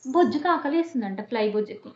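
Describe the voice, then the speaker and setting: A woman's voice: on the high side, animated, quick pace. A mother, coaxing and teasing her toddler in sing-song questions. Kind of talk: playful chat with a small child. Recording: muffled echoey home room.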